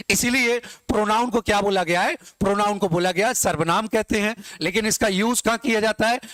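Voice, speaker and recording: A male teacher with a fairly high voice gives a grammar lesson, recorded close and dry. He works in a steady call-and-response pattern and calls his students his dear children. He dictates each example sentence slowly, one word at a time. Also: no room sound. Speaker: English teacher. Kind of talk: classroom grammar lesson in Hindi.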